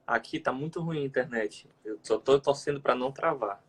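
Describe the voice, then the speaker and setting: A man with a Brazilian Portuguese accent, co-hosting a casual video-call chat and explaining liturgical music in a measured, teacherly way. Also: mid-range voice, slightly rough. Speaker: co-host, liturgical music educator.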